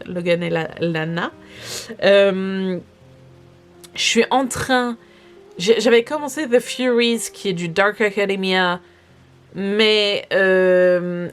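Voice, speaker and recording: A young French woman chatting casually in a vlog, rambling and often correcting herself, with soft music behind. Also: medium pitch. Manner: rambling, self-correcting, lots of fillers. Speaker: vlogger. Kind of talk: casual chat. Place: home in New York.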